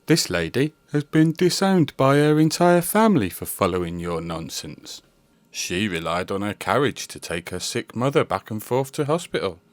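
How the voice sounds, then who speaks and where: A man's voice: medium pitch, sing-song, moderate pace, no room sound, close to an everyday voice. A man playing a sardonic, mocking ghost of the present in a comedy sketch. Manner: mocking, dry commentary.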